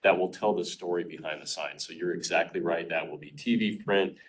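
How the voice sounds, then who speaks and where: A man's voice: low-pitched, a little fast, slight background noise. A man chairing a county meeting as an elected official, answering comments in an assured, reassuring way. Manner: assured, reassuring, politician's cadence. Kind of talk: public meeting remarks. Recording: distant mic in a meeting room.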